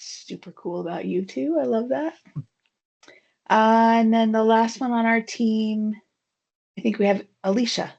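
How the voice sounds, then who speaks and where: A meeting facilitator leads her team online, friendly and talkative, sprinkling in fillers as she speaks over the video call. She has a fairly high, slightly mellow, gravelly voice, moves unhurriedly, and leaves long pauses. Sound quality is dull lo-fi.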